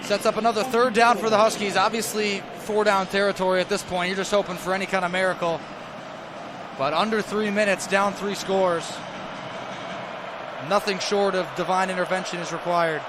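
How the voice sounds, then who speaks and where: An American man calls a football game live on the radio from a stadium broadcast position, his voice high and steady at normal speed. He describes the action in clipped phrases as it happens, over a noisy crowd roar.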